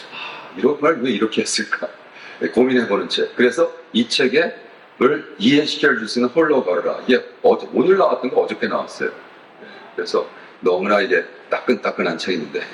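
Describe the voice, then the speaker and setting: A man hosting a church book talk, introducing the speaker in a relaxed, joking way. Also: lowish voice, a little hiss or hum. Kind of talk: casual event introduction. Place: church hall. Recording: echoey hall with faint ambience.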